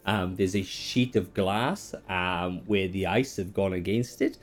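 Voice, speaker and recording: A man narrating as game master, describing scenes with many pauses and fillers. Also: deep voice.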